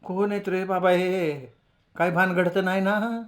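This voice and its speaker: A man's voice: sits high, level tone, unhurried, pitched above the performer's own voice. A man voicing a wary but kindly village mother with a raised voice and homely rural speech.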